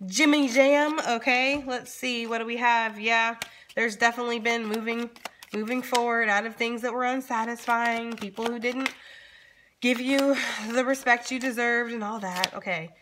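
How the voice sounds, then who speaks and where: A woman with a bright, crisp-edged voice hosts a casual tarot reading. She talks informally and directly to her audience, often checking in with them. There is some background noise, with clicks and shuffling cards. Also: a little high, steady tone, moderate pace. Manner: informal, addresses viewers directly, frequently checks in with "okay?". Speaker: tarot reader and channel host.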